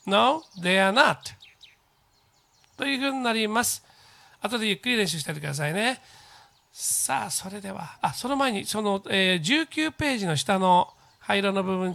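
A teacher explaining grammar step by step, pausing on fillers as they go. English model phrases come out slowly and clearly so students can repeat them. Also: medium pitch, a bit bright. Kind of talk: recorded English grammar lesson for junior high students.

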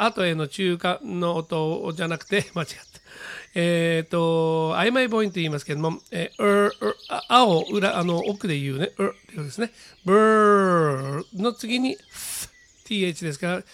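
A man teaching English pronunciation on a radio lesson, patiently repeating model phrases slowly with many fillers. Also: high voice, fairly bright tone.

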